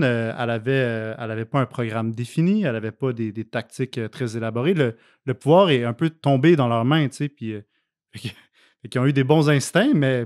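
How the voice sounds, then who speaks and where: Man, Québécois accent, mid-pitched, hesitant with many ums, casual podcast co-host. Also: darkish tone. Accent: Québécois French. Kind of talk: casual political history discussion.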